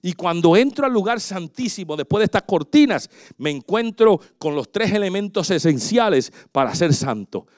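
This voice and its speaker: High-voiced preacher with dramatic swings. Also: male voice, big pitch swings, normal speed, no echo, clean studio sound. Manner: dramatic, swings between loud exclamations and hushed asides. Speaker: pastor. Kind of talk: sermon.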